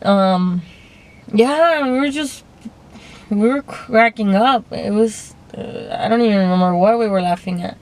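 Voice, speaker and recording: A woman's voice: medium pitch, measured pace, a little mellow. Hesitant young woman vlogging into a phone. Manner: hesitant, rambling, many restarts and trailing off. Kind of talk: casual confessional monologue. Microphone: phone camera.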